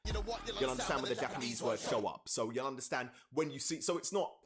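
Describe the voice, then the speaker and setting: A man on a live stream talks through his rap lyrics with eager energy, counting out syllables and stopping to thank viewers in chat. His voice sits at an ordinary pitch for a man and is picked up by a home streaming setup. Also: sing-song, fast, loud music behind the voice. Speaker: rapper and streamer. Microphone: streaming setup with webcam.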